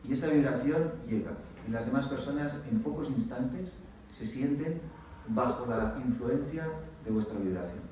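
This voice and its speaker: A man with a Spanish accent giving a motivational lecture to university students, speaking in an animated way and acting out the voices of people he quotes. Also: medium pitch, normal speed, slight background noise. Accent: Spanish from Spain. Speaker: guest lecturer. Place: large lecture hall. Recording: distant, dull-sounding mic in a very echoey hall.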